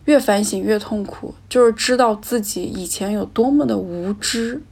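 A woman's voice: mid-range voice, vocal fry, darkish tone. A woman telling her own personal story in a reflective, candid and emotional way.

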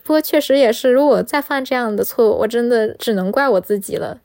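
High-voiced woman telling her story. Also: quick pace, no echo, studio quality. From China. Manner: animated, emotional retelling with many fillers. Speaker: storyteller recounting a scam. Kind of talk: personal story narration.

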